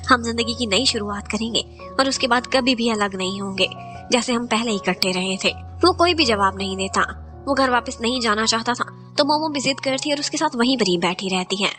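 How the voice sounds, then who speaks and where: A woman's voice: a little high, fairly quick, bright, forceful tone, soft background music. A woman narrating a recap of a drama, retelling each scene in Hindi sprinkled with English words. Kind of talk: scripted storytelling recap.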